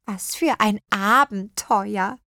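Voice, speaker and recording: A woman voicing an excitable female hen who clucks between her words in a storybook reading. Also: mid-range voice, slow, no echo, clean studio sound, voice pushed up. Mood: excited.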